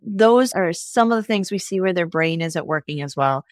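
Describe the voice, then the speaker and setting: A woman veterinarian talking as a podcast guest, animated, often tagging her sentences with "right?" and acting out what the dogs would say. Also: lowish voice, normal speed, no echo, clean studio sound. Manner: animated, tags lines with "right?", acts out pets' voices. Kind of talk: casual interview chat.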